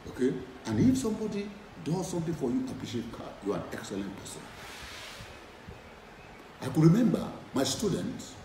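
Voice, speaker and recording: A man's voice: medium pitch, darkish tone, reverberant, recorded from a distance, slight background noise, rough recording. A middle-aged man preaching a sermon, emphatic and repeating his key phrases over and over. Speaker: preacher and former lecturer.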